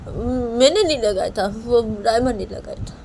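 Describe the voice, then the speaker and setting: A woman voicing a tearful young woman who cries and wails in high, drawn-out lines. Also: animated, darkish tone, a little hiss or hum. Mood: sobbing. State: crying.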